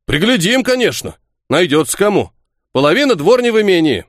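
A blunt bearded peasant, once a sergeant, talks in a rough village dialect, as a male reader puts him on. His voice sits raised and slow in a dry, close recording. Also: high-pitched, big pitch swings, no echo, pitched above the performer's own voice. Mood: easygoing.

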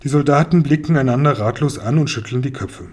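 A man reading a children's audiobook as narrator, telling the story in a lively way. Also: medium pitch, quick pace.

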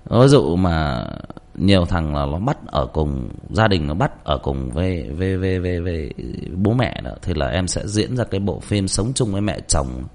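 A man's voice: sits low, lively intonation, normal speed, a little mellow. A man giving blunt, coarse advice to listeners in a casual, rambling way, often repeating words.

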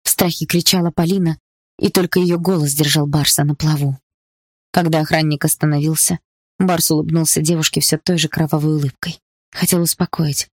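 A man narrating a dramatic audiobook in a measured voice. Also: on the high side, flat delivery, no echo, studio quality.

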